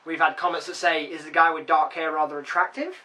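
A man chats and teases in a casual comedy vlog. His voice is high and bright. He sounds a little distant from the camera mic. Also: flat delivery, fast. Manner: playful, teasing, giggly. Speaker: vlogger.

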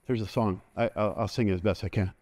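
A middle-aged man preaching a sermon from a church stage, animated and constantly calling for an "amen" from the congregation. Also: fairly low pitch, quick pace. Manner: animated, moves about the stage, call-and-response asking "amen". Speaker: pastor. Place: large church stage, indoors.

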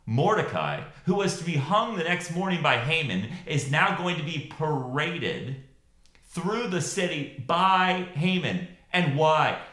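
A man preaching a sermon, telling scripture stories with dramatic pauses and rising emphasis. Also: fairly high pitch, echoey room. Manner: expressive storytelling with dramatic pauses.

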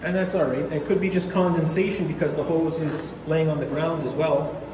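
Phone in hand, a DIY renovator strolls his concrete basement and narrates his own repairs, rambling plainly with plenty of filler words. His voice is a little high, steady in tone and moderately paced, amid echo and background noise.

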